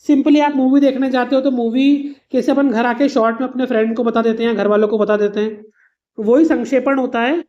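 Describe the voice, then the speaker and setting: A woman's voice: a little high, steady tone, a little fast, lo-fi sound. A woman teacher giving an exam revision lesson, explaining patiently with simple everyday examples and calling her students "beta".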